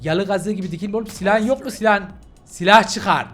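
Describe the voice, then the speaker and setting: A young Turkish man hosting a gaming channel, loudly commentating his gameplay and shouting orders at the characters. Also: high-pitched, a little fast, faint music behind. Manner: loud, shouting and yelling at the game.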